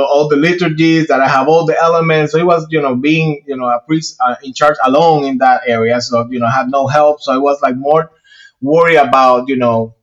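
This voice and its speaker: A man's voice: on the high side, highs cut off. A man with a Puerto Rican Spanish accent, a priest talking earnestly in a casual interview, with many fillers and restarts. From Puerto Rico.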